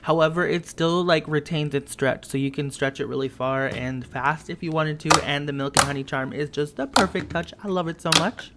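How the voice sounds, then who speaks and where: This casual slime-review voice-over, laid over tabletop footage, comes from an enthusiastic man who gushes upbeat praise as he shows the slimes off. He talks at a moderate pace with hardly any pauses in a somewhat high voice, and background noise is present.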